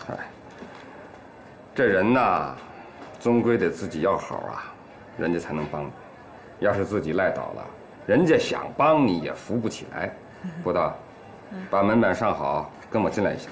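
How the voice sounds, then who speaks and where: An actor playing an older male workshop elder in a period TV drama, talking in a slow, measured, fatherly way. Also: low voice, big pitch swings, creaky, slight background noise, full character voice. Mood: advising. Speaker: family elder and workshop owner.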